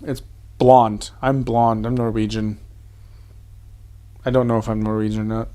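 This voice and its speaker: A man's voice: on the low side, flat delivery, a little slow, warm tone, clean tone. A young man co-hosting a podcast, bantering playfully and making fun of himself. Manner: self-deprecating, playful banter. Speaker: podcast co-host. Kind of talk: casual chat.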